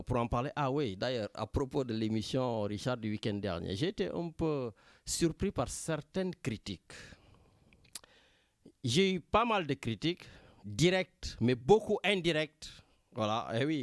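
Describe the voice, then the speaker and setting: A man's voice: medium pitch, no room sound. A man with a Senegalese French accent hosting a talk radio show from a studio, talking animatedly and often turning to his co-host by name. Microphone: studio microphone.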